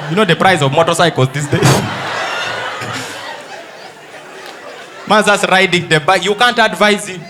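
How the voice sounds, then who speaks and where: A man's voice: high-pitched, takes it slowly, long pauses. A Ugandan man doing live stand-up comedy, telling stories and acting out the characters in dialogue. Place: live comedy stage before an audience. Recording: live show with faint crowd noise.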